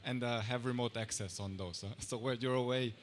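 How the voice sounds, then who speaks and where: A man in the audience at a conference, asking the speaker questions with many pauses and fillers. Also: medium pitch, steady tone.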